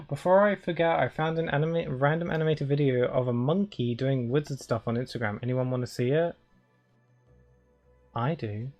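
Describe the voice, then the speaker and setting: A man's voice: medium pitch, normal speed, a little mellow, muffled recording, faint music behind. Man chatting while live-streaming a game. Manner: reacts aloud to gameplay with exclamations. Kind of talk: casual live-stream chat.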